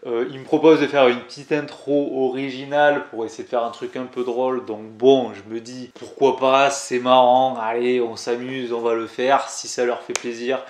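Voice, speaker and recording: A man's voice: mid-range voice, flat delivery, normal speed, hardly any pauses, reverberant. A man in his twenties with a southern French accent from Toulouse, chatting casually and in slang as he tells his viewers a story. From southern France. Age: 20s. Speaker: climbing YouTuber.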